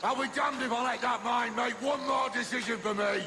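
An actor playing a hot-headed, half-mad marooned pirate in a video game, shouting threats and curses in a gravelly voice. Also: male voice, very high voice, steady tone, fairly quick, slight background noise, heavily acted. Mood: enraged, threatening. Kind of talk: dramatic video game acting.

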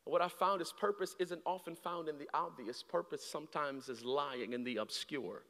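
A man in his thirties preaching a sermon on a large church stage with a handheld mic, swinging from hushed, slow lines to shouted peaks. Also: fairly high pitch. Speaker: guest preacher. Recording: long hall reverb.

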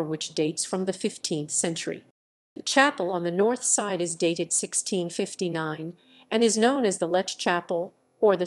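A woman reading an encyclopedia article aloud in an even narration, reading symbols and captions out literally. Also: fairly low pitch. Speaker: article reader.

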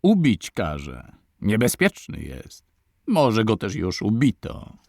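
A man voicing a haughty, scornful nobleman prince who gives sharp commands. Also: lowish voice, huge pitch swings, slow pace, vocal fry, no room sound, clean studio sound, full character voice. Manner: commanding, sneering.

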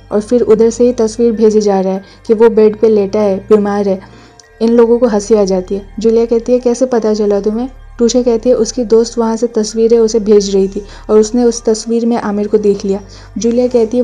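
A woman's voice: on the high side, warm tone. A woman narrating a casual recap of a drama episode, reading each character's lines in her own plain voice.

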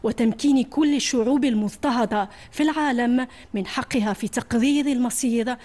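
A woman news anchor reading a television news bulletin in a formal, even newsreader delivery. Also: fairly high pitch, a little fast.

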